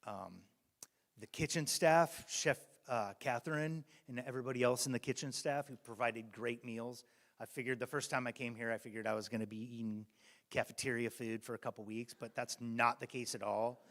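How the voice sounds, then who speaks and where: A man giving a halting graduation speech of thanks, full of fillers and restarts. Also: medium pitch, fairly even intonation, a bit bright. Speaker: guide dog graduate. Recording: long hall reverb.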